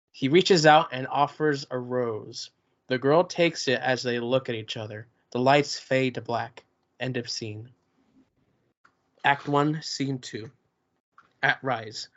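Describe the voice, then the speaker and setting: Stage directions are read by a man in a steady, mid-pitched voice, plain and even throughout. The audio quality is dull and lo-fi.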